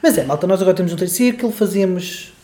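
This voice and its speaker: A man's voice: high-pitched, expressive, quick pace, mellow. European Portuguese man chatting, echoey room. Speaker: podcast co-host. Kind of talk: casual chat.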